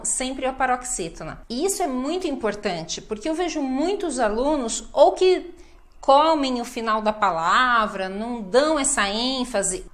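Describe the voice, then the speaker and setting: A woman's voice: on the high side, fairly bright tone. A Brazilian woman with a Brazilian Portuguese accent, teaching a pronunciation lesson and repeating words with exaggerated stress to show where the emphasis falls. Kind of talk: language lesson.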